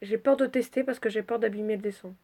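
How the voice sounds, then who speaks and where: A woman's voice: on the high side, fast, dark tone. A woman talking casually through her drawings in a rambling vlog, swearing freely and sounding stuffy from a cold. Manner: chatty and scattered, swears freely. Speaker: vlogger presenting her character drawings.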